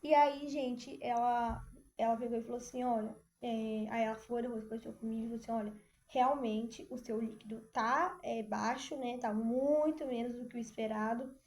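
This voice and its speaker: A young woman from Brazil recounts a personal story with a slightly high, bright-toned voice. She talks in an animated, conversational way, calling out to her viewers and circling back with fillers and restarts. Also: normal speed. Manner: animated, addresses viewers as "gente", many fillers. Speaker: vlogger.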